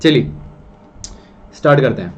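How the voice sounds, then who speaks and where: A man with an Indian accent giving an online maths lecture, explaining slowly and checking in with his students over and over. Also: mid-range voice, animated, a little mellow. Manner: slow, repetitive explaining, checks in with "theek hai?". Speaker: maths teacher. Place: room with lights out. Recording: dull lo-fi sound with faint hiss.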